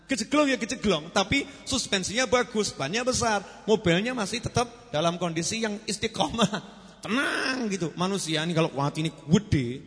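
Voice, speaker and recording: Male preacher, higher voice, animated sermon, long hall reverb. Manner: lively, sudden swings from loud to soft, rhetorical questions. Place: large gathering hall.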